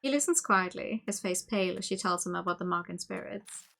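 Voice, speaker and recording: A playful, expressive woman game streamer reading a visual novel aloud, with casual asides to chat. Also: fairly low pitch, brisk, creaky.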